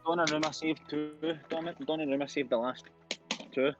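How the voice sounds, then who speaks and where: Male co-host, mid pitch, casual football banter, dull stream audio. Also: fairly even intonation, fairly quick. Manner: chants and repeats phrases teasingly. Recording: dull lo-fi stream audio with faint game music.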